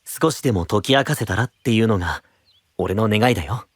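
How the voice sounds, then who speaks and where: In an anime-style audio drama, a male actor voices a calm, gentle, secretive young knight, speaking softly in a measured, reflective way. His voice is lowish and slightly rough, with no room sound.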